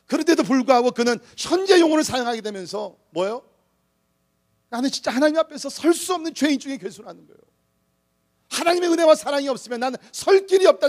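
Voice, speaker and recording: A male pastor preaching a sermon, calling out to the congregation for amens and swinging between loud exhortation and quiet storytelling. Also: extremely high pitch.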